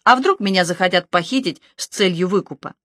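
A woman voicing a haughty, sharp-tongued rich woman who talks down to the police, with cutting sarcasm. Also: lowish voice, fairly quick, no room sound, studio quality, close to an everyday voice. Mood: imperious, sarcastic. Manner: sarcastic, imperious.

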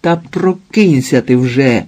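A man's voice: mid-range voice, animated, measured pace, mellow, slightly rough. A man voicing a stubborn young red-haired woman, a witch who keeps insisting, in an audiobook. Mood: insistent. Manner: urgent, pushy.

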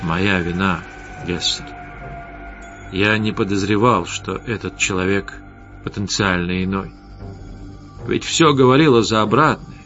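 A man voicing a proud, ancient European vampire who speaks low and grimly, over slightly dull audio with faint music. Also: measured pace, long pauses. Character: proud old male European vampire, subdued. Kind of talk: audiobook character voice.

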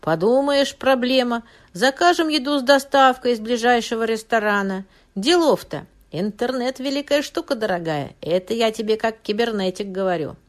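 A boastful husband who brags about the internet, voiced by a woman. The voice sits well above her own narrating pitch and comes out loud and squealing. It is storybook read-aloud acting. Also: moderate pace, few pauses, lightly acted. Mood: breezy boastful. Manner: shrill squealing when shouting. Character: husband, man, boastful cybernetics buff, later shrill.

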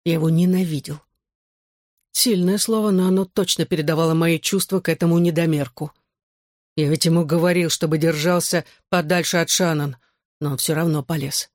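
A man's voice: fairly high pitch, steady tone, brisk, no room sound, studio quality. A man narrating a first-person novel as an audiobook, in a terse, intense manner.

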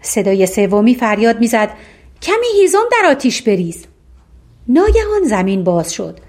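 A woman tells a fairy tale in measured, clear storytelling narration. Her voice is somewhat high for a woman. It has the feel of a recorded audiobook. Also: a little mellow.

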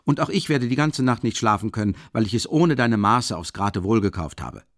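A man's voice: lowish voice, no echo, studio quality. A man voicing a giddy, bustling young friend. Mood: excited, bustling. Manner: excited, lively, quick-tempered, teasing. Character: eager, talkative young male friend, fussing and boastful. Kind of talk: audiobook reading with acted dialogue.

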